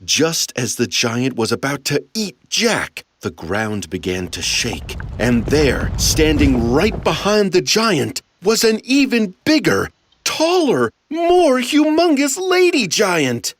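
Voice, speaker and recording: A storyteller reading a fairy tale aloud with dramatic pauses. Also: medium pitch, big pitch swings, no room sound.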